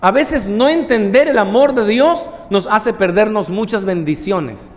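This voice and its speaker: Male pastor, sermon, very high voice, reverberant hall. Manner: preaching with long slow pauses, acting out the parable's dialogue.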